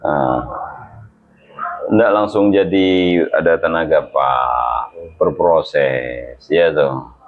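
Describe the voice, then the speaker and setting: A man's voice: a bass voice, extremely slow, long pauses. A man, a therapist chatting during a hands-on treatment, joking and reassuring with frequent religious exclamations. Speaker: healing therapist. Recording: lo-fi, phone-like sound.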